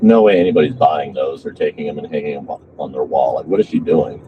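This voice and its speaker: A man's voice: a bass voice, fast talker. A man bantering casually on a livestream in a crude, taunting way. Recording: muffled lo-fi stream with background noise.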